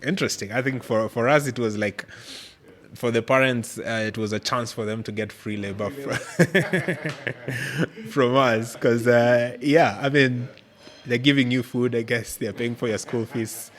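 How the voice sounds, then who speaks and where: A man hosting a podcast, asking long questions with many pauses and restarts. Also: medium pitch. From Kenya. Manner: hesitant, many fillers and restarts while forming questions. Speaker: podcast host. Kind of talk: conversational interview questions.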